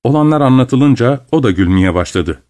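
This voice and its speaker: A man narrates a novel aloud as an audiobook. His delivery is steady and even, with a mid-range pitch. He reads in a measured storytelling manner. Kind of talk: scripted narration.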